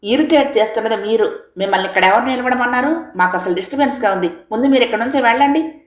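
A woman's voice: on the high side, quick pace, pitched above the performer's own voice, close to an everyday voice. Cutting, unbending older wife, voiced by a woman narrator, audio story, roomy. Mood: warning. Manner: warning, cutting.

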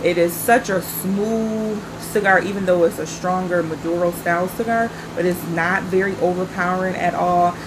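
Talking at a moderate pace with few pauses, a Carolinas woman in her forties vlogs casually to camera from a patio at night, smoking and relaxed. Her fairly low voice is slightly nasal from a stuffy nose, over a noisy background.

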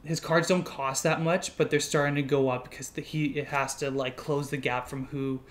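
Higher-voiced chatty Canadian young man. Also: steady tone, moderate pace. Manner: chatty, explains card prices and grading. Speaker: co-host of a card-opening channel. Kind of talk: casual chat while opening trading cards.

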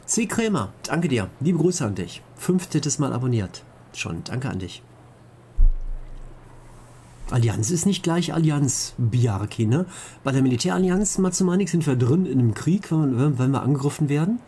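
German guy doing lets play commentary, warm mellow voice, cracks jokes, reads chat. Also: medium pitch, animated, normal speed, a little hiss or hum. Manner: joking, reads out chat questions. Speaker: let's play host. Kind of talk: casual gameplay commentary.

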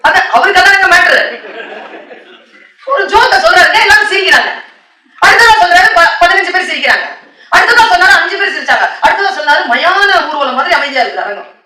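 A woman giving a motivational speech, telling stories, often laughing and slowing down for solemn lines. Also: very high-pitched, animated, pushed and bright, far from the mic. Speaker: motivational speaker. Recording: echoey hall, voice from off the mic.

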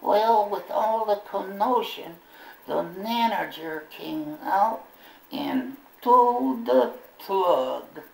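A man's voice: high voice, animated, drawn-out words, gravelly, darkish tone, full character voice. A ventriloquist man voicing a bumbling, folksy old male bird puppet who rambles in country talk. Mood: rambling. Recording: roomy echo, from far off.

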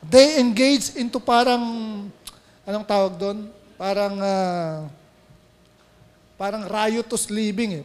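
A man's voice: high voice, a little mellow, long reverb tail. A male pastor with a Filipino accent preaching a sermon, switching between Tagalog and English and asking the congregation questions. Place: church sanctuary.

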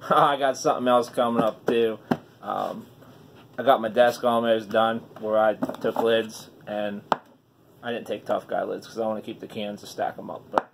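A man's voice: on the low side, fairly even intonation, moderate pace, vocal fry. A middle-aged man chatting casually to camera as a product reviewer, talking with a lip full of chewing tobacco. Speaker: online dip reviewer. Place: small wood-paneled room indoors. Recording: noisy room recording.

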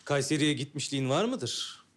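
An actor playing a courteous young dervish in a historical drama, speaking in formal, old-fashioned phrases. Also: male voice, medium pitch, lively intonation, normal speed, close to an everyday voice. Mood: courteous, instructive.

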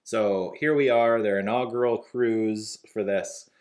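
A man in his thirties co-hosts a relaxed news chat from a couch at home. His voice sits fairly low. He talks through the stories in an easygoing way. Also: a little slow. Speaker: co-host. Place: living room, on a couch.

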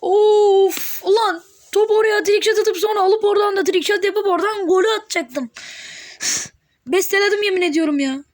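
Excitable high-voiced woman gaming. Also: fairly quick. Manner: excitable, teasing, talks to the game. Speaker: gaming channel host. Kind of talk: live gameplay commentary.

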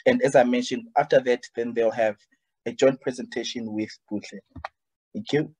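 A young man hosting a webinar over a video call, reading a guest's bio with frequent ums and pauses. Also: medium pitch, steady tone, a little mellow, husky, rough recording. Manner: hesitant, many ums. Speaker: webinar host. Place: indoor room, padded wall behind. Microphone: video call webcam.

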